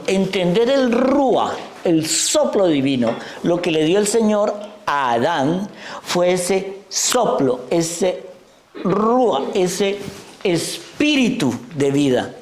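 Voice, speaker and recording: Chatty priest preaching in an echoey church. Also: male voice, a little high, a little hiss or hum. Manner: chatty, digressive, addresses the congregation directly. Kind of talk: conversational sermon. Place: church before a congregation.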